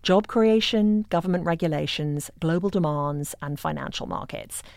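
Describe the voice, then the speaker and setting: A woman hosting a podcast, reading a scripted narration in a measured, clear way. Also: on the low side, no room sound, clean studio sound. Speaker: podcast host.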